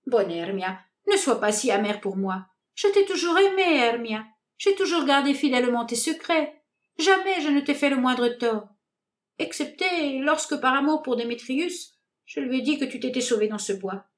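A woman's voice: sits high, lively intonation, normal speed. A woman voicing a timid, prim, lovesick young woman in a read-aloud stage comedy, plaintive, earnest and theatrical. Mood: pleading.

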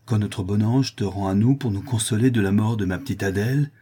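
Storybook figure: an anguished aging artisan father, husky and mellow but raised and insistent, read by a man. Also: mid-range voice, lively intonation, moderate pace, voice pushed up. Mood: distraught pleading. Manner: pleading, agitated, raised voice.

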